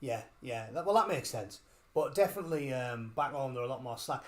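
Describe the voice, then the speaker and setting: Expressive and mid-range, this Englishman's voice moves briskly as he chats away during a casual interview as the guest. He swears cheerfully, talks a lot, and describes himself as a gobshite.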